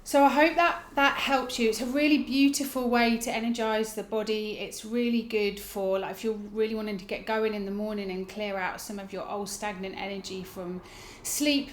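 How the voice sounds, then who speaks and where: A woman teaching a yoga breathing technique, explaining it informally and guiding gently with soft phrase endings. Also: medium pitch, steady tone, moderate pace, slight background noise. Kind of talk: instructional demonstration, casual explaining. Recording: roomy, echoing indoor sound.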